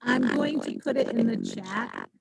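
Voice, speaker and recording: A woman on a video call in a meeting, her audio garbled and breaking up as she talks slowly to get through. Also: rumbling low, wildly swooping pitch, vocal fry, over music. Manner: speaks slowly to get through a bad connection. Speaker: committee member. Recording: noisy, garbled call connection.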